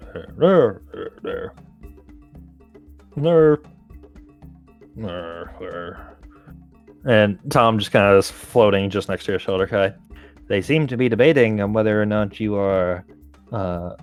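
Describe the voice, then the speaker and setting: Low-voiced male game master, easygoing narrator for a tabletop session. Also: measured pace, long pauses, soft background music. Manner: relaxed, laughs along with players.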